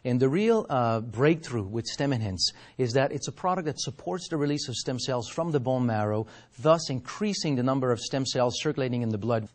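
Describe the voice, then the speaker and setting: A man speaking as a company science officer, explaining research in formal, measured terms during an interview. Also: mid-range voice, lively intonation.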